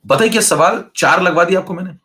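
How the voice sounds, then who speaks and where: A young male chemistry teacher giving an online class lecture, brisk and teasing, now and then mimicking slow students. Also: sits high, sharp tone. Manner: brisk, teasing, acts out lazy students in asides.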